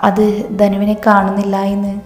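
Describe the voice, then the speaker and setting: A woman's voice: medium pitch, completely flat delivery, normal speed, natural voice. A woman voicing an anxious, grieving older man, in a story read over faint music in a roomy hall. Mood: upset. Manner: pleading, shaken.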